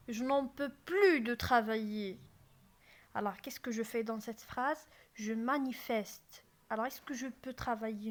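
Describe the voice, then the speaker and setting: A woman explaining French grammar in a slow classroom style, repeating key phrases and asking the class rhetorical questions. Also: sits high, fairly bright tone.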